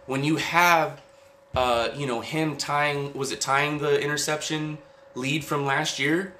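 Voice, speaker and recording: A man talking football casually as a podcast host, halting and repeating himself, opinionated and loose with swearing. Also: fairly high pitch, fairly even intonation, pushed and bright. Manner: halting, repetitive, profane, opinionated. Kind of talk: casual football recap chat. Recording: roomy echo, faint background noise.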